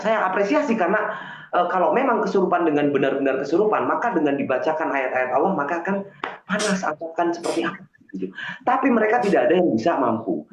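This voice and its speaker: A man's voice: on the high side, slight background noise. A man telling a story earnestly on a live stream. He hesitates often and restarts his sentences with many fillers. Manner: earnest and confessional. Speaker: guest on a live stream, self-styled healer. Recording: echoey, dull lo-fi stream audio.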